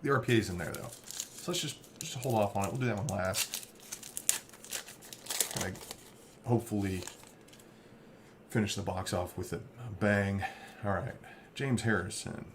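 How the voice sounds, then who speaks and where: Man, low pitch, gravelly, casual card-break commentary, faint background hiss. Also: animated, unhurried, long pauses. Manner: rambling, reads off player names.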